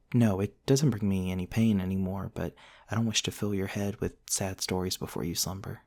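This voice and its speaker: In an intimate, soft ASMR roleplay, a man portrays a centuries-old vampire prince who is gentle and courtly, speaking tenderly and hesitantly with old-world manners. His low voice is gravelly, and the mood is gentle and reassuring.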